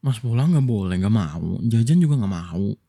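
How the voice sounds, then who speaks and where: A man from Indonesia doing a whispered boyfriend role-play, soft and coaxing as he soothes his partner. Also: on the low side, lively intonation, moderate pace, creaky. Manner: soft, coaxing, affectionate toward listener.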